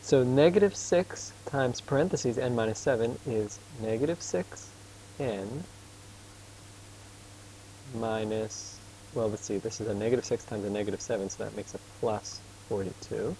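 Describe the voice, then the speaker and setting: A man's voice: lowish voice, warm tone, slight background noise, low-quality recording. A man tutoring math casually and patiently, asking his student questions as he works. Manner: casual and patient, quizzes his student, admits he talks fast. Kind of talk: informal tutoring lesson.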